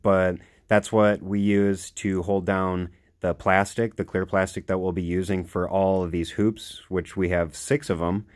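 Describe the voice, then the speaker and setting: A young man casually narrating his homestead work outdoors, rambling and eager, with lots of "you know" fillers. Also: low-pitched. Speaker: homesteader vlogger.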